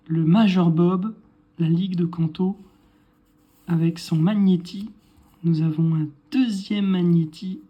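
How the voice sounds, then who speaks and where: Male collector, casual unboxing talk, warm mellow tone, thinks aloud. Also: high voice. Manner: chatty, thinks aloud, corrects himself. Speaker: card collector showing a purchase.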